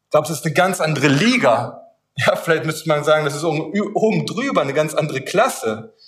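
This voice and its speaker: A man preaching with a voice pitched a little above the usual male range. He presses his points through repetition and talks directly to his listeners. He carries the message with a vivid story. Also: expressive, brisk, fairly bright tone. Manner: emphatic, addresses the listener directly with repeated phrases. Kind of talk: sermon.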